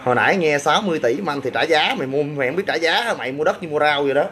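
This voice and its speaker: A man's voice: on the high side, expressive, rapid-fire, fairly bright tone, a little hiss or hum. Brash joking man with a Southern Vietnamese accent. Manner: brash, boastful, crude joking banter. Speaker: gym owner answering livestream comments. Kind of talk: casual livestream chat.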